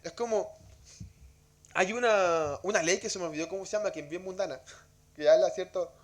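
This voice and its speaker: A high-voiced man speaking fairly quickly runs a church Bible class like a conversation. He keeps asking rhetorical questions and frequently repeats words along the way.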